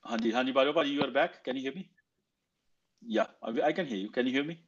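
A man's voice: mid-range voice, quick pace. A man with a North Indian Punjabi accent hosting a casual online political discussion, making his points in emphatic, repetitive phrasing. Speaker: host of an online audio discussion. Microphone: online audio call. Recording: slightly muffled online call audio.

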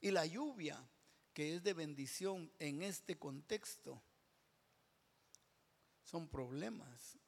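A man preaching a sermon, building to loud shouted climaxes and dropping to whispers. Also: on the high side, expressive, slow pace, gravelly, long pauses. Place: church hall. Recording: long reverb of a large hall.

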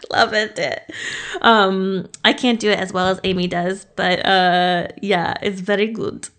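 A woman's voice: medium pitch, fairly even intonation, a little slow, a bit bright, clean tone. A woman hosts a casual podcast conversation. She talks freely and chattily, laughs often, and drops the odd swear word. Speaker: podcast host.

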